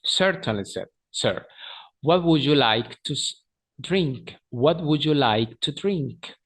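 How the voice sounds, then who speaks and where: A man reading the part of a polite adult male restaurant waiter in a textbook dialogue, pronouncing each line slowly and carefully. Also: on the high side, lively intonation, a bit bright, heavily acted. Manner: slow, carefully pronounced reading of English lines.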